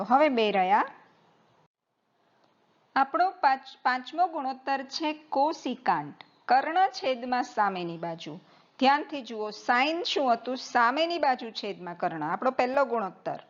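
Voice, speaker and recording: A woman's voice: on the high side, lively intonation, measured pace, muffled recording. A woman teaching a math lesson, patiently spelling out terms letter by letter as she writes on the board.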